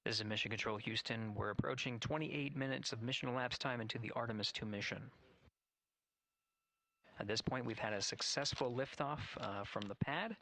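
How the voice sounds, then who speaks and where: A man giving measured, factual live spaceflight commentary as a mission control announcer. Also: mid-range voice, pushed and bright, no room sound, rough recording.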